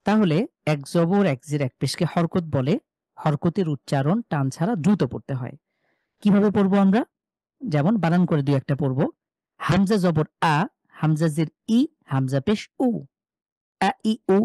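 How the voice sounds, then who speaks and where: A man teaching a live Quran recitation class, slowly drilling Arabic syllables with many repeats and explaining mouth positions step by step. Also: fairly high pitch, lively intonation, mellow, dry recording, rough recording. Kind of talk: live online tajweed class.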